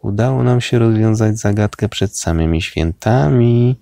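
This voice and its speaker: A man's voice: lowish voice, normal speed, vocal fry, warm tone, no room sound, clean studio sound, pitched above the performer's own voice. Daphne, a cheerful girl detective, voiced by a man. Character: cheerful young woman detective. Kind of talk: storybook reading aloud.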